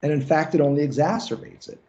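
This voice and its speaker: Man, lecturer, casual conversational delivery, swears now and then, mellow tone, muffled lo-fi recording. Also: a little high, quick pace. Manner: casual, conversational, profane, fillers like "like". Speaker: lecturer on psychoanalysis.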